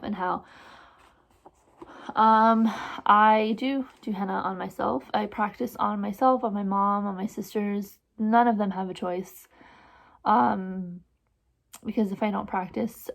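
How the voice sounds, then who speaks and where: A young woman in her twenties, her accent a blend of Trinidadian and New Jersey, chats through viewer questions in a casual vlog. Her voice has a gravelly, fry-tinged texture at a mid pitch, and she rambles with fillers and laughs at herself. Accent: mixed Trinidadian and New Jersey. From born in Trinidad and Tobago, raised in New Jersey. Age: 20s. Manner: self-deprecating and giggly, with filler-heavy rambling. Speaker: vlogger and photographer.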